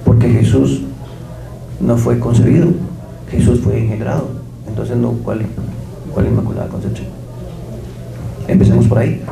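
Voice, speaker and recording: A man's voice: medium pitch, creaky, echoey room, poor audio. A man giving a religious lecture as guest speaker, telling stories with quoted dialogue.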